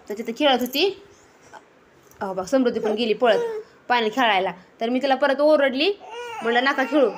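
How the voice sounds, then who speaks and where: A young mother with a slightly high voice narrates a family vlog in a garden against a noisy background. She's relaxed and talkative, occasionally scolding the children.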